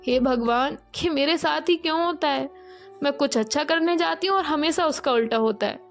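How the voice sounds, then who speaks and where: A woman's voice: sits high, moderate pace, soft background music, voice pushed up. Woman voicing a flustered young student girl. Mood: grumbling to herself. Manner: flustered, stammering.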